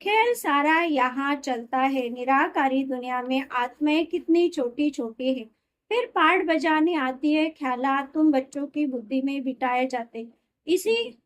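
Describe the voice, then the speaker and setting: A woman reading a spiritual discourse aloud in a steady, explanatory way, sometimes correcting herself mid-word. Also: high voice. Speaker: reader of a daily spiritual discourse.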